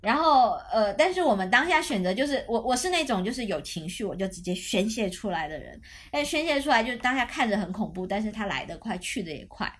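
Young female podcast host, lively storyteller, quick laughs, voice on the high side. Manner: animated, chatty, laughs often while telling a story. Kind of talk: casual storytelling chat.

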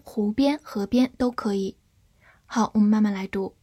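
A woman teaching English vocabulary in her native Chinese, spelling words letter by letter and reading example sentences aloud very slowly. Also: a little high, darkish tone, dry recording. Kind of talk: slow, deliberate vocabulary lesson.

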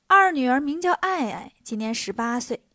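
A woman's voice: high-pitched, animated, moderate pace, bright, forceful tone, no echo, clean studio sound. A woman playing a pushy rich widow. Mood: coaxing. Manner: coaxing, persuasive. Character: middle-aged rich widow, pushy matchmaker.

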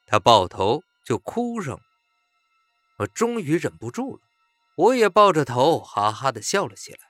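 A man reading a scripted horror story aloud in a lively, expressive way. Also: a little high, normal speed, no echo. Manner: lively, expressive, acts out dialogue. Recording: dry close mic with faint music bed.

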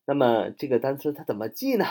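A man's voice: medium pitch, fast talker. A man teaching English vocabulary, spelling words letter by letter and explaining with memory tricks, chatty with many fillers. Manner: chatty, animated, frequent "啊" fillers.

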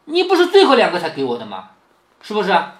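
A man voicing a touchy, sharp-tongued young noblewoman, pointed and cool in a storybook reading. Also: high-pitched, wildly swooping pitch, fast. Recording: roomy echo.

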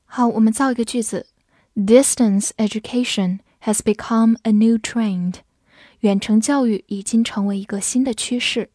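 Woman English teacher, unhurried vocabulary lesson, dry close mic, spells words out. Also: medium pitch, a little mellow, dry recording. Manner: reads example sentences slowly for repetition.

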